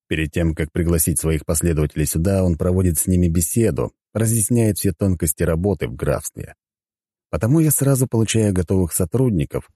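Wry, deep-voiced male audiobook narrator. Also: dark tone, no room sound, clean studio sound. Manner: wry, conversational. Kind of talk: scripted first-person narration.

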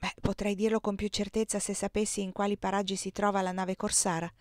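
A cautious, older manservant who weighs every point with measured reasoning, as a woman reads his lines. The voice sits in a mid range, with dry, close sound. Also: mid-range voice, little pitch movement, a little mellow, no room sound, close to an everyday voice.

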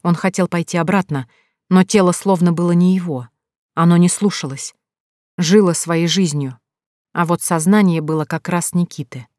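A woman narrating a fantasy audiobook in a calm, even storytelling manner. Her voice sits fairly low, recorded dry and close with no room echo. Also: normal speed. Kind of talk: scripted narration.

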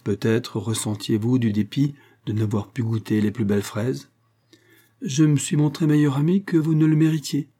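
A man's voice: mid-range voice, fairly even intonation, normal speed, warm tone, lightly acted. A man voicing a witty, self-assured young heiress in an audiobook reading, teasing and ironic.

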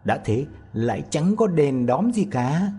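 A man voicing a tiny, bold and mischievous boy no bigger than a thumb, shouting loudly. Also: on the high side, big pitch swings, measured pace, breathy edge, pitched above the performer's own voice, exaggerated voice. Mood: musing.

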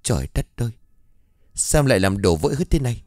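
A man voicing a middle-aged man who soothes and reassures in a low, hushed voice. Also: sing-song, brisk, no echo, soft background music, lightly acted. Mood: urgent.

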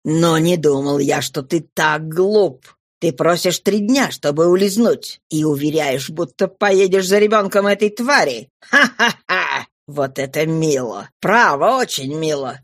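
A woman's voice: low-pitched, animated, unhurried, no room sound, studio quality, pitched below the performer's own voice, exaggerated voice. A woman voicing a harsh, mocking male police inspector who barks orders, in a storybook reading. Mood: scornful, commanding. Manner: barking, scornful.

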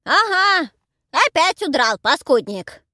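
A woman voicing a cranky, half-deaf old village woman who squawks loudly and drags out her words. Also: sing-song, no room sound, clean studio sound, heavily acted. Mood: squawking. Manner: loud, shrill, drawn-out squawking.

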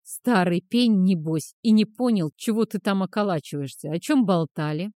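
A woman's voice: mid-range voice, normal speed, warm tone, dry recording, studio quality, natural voice. A woman reading the part of a sarcastic, cheeky teenage boy who was a thief, in a mocking manner.

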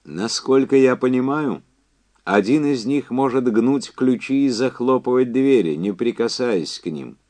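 A man reading an audiobook, voicing a middle-aged man on the phone who speaks with bitter, insinuating irony in a noticeably higher, louder voice than his own. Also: animated, measured pace, lightly acted. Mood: confiding. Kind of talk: audiobook character voice.

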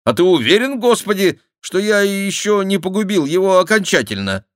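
A man voicing a mocking male court jester who makes a loud, nasal, theatrical mock confession. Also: big pitch swings, normal speed, dry recording, clean studio sound. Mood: mock-tearful. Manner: loud, theatrical, high-pitched mock repentance.

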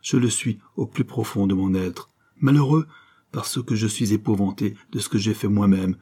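A man's voice: fairly low pitch, normal speed, mellow, slightly rough. A man reading an audiobook, voicing a torn young avenger who speaks to his mother in an earnest, solemn, pleading way. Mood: anguished. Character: anguished young avenger son, torn by conscience. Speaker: audiobook reader.

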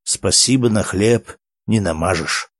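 A man voicing a stern wealthy man who speaks slowly and curtly. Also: fairly low pitch, a bit bright, no room sound, clean studio sound.

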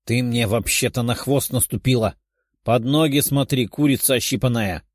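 A man's voice: mid-range voice, dry recording, clean studio sound, natural voice. A man voicing a proud, hot-tempered young dragon woman in an audiobook. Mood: angry. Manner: quick-tempered, snapping.

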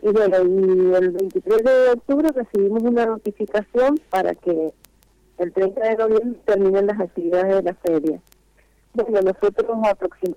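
Over a speakerphone phone line, a woman with a mellow, mid-range voice earnestly explains things at length for a radio interview, pausing frequently. She's speaking for vendors, and the recording carries no room sound.

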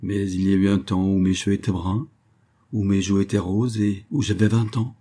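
Brief: male reader voicing an old spinster, gruff turning wistful, deep and husky. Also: little pitch movement, moderate pace. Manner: gruff voice softening into wistful confiding. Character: stern old spinster neighbor, secretly sentimental. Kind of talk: audiobook reading.

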